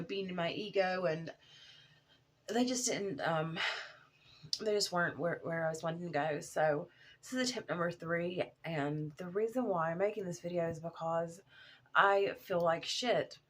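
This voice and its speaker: A woman in her thirties, nursing a cold and a sore throat, records a personal video diary in a fairly low voice. As a vlogger she talks haltingly, full of fillers and restarts.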